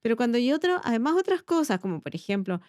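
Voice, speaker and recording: A woman's voice: fairly high pitch, big pitch swings, quick pace, darkish tone, no echo. Chilean woman pediatrician, dry close sound. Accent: Chilean Spanish. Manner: explains patiently, frequent tag questions. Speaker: pediatrician, podcast host. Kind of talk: casual medical chat.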